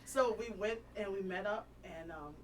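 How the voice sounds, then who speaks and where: A woman's voice: medium pitch, normal speed, a loud crowd. A woman co-hosting a live radio talk show, chatty and given to storytelling. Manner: chatty storyteller, laughs often. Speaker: radio co-host. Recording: distant mic with clear background noise.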